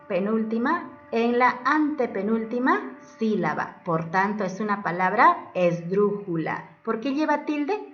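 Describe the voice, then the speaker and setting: A woman's voice: on the high side, a bit bright. A woman teacher explaining a lesson step by step, asking questions and then answering them herself. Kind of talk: classroom lesson narration. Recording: distant, dull lo-fi mic.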